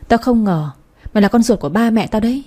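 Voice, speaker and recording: A woman's voice: a little high, animated, fast, dark tone. Woman reading a furious betrayed older sister. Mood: scornful. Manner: angry, accusing.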